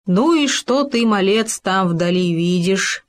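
A woman voicing a sad, sighing old male bear in a storybook reading. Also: mid-range voice. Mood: mournful. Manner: slow, sighing.

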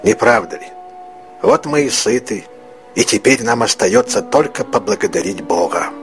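A man voicing a gruff, threatening middle-aged vagabond who heads a poor family in an audiobook reading. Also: mid-range voice, very animated, moderate pace, faint music behind. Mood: gruff, kindly. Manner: menacing, mock-theatrical threats.

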